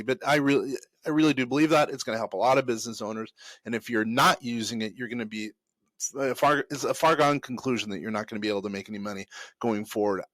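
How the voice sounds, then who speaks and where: A man's voice: mid-range voice, fairly bright tone, dry recording. Chatty man giving casual business advice. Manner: conversational, rambling with many restarts and fillers. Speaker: host. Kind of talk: casual advice talk to camera.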